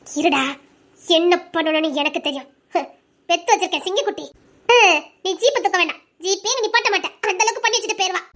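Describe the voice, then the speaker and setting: A very high, bright voice snaps out quick retorts: a proud, combative young schoolteacher, as a woman acts her out. She scolds and fires back, indignant, in a homemade audio drama. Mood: smug.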